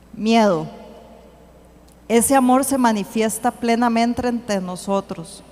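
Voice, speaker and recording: A woman giving an earnest church teaching, slowing to read scripture aloud. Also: medium pitch, darkish tone. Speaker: church speaker. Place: church hall. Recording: long hall reverb.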